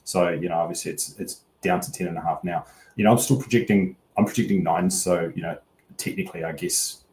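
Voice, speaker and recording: A man's voice: sits low, brisk, darkish tone, a little hiss or hum. A man giving casual sports analysis as a pundit, in a hesitant, rambling way that circles around each point. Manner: hesitant, rambling, hedging delivery. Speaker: rugby betting pundit. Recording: echoey room.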